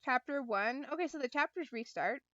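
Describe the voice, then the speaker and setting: A woman's voice: high voice, expressive, fairly quick, pushed and bright, no echo, far from the mic, highs cut off. A young woman hosting a gaming channel, reading a visual novel aloud and chatting with giggly reactions. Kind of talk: let's-play commentary reading a visual novel.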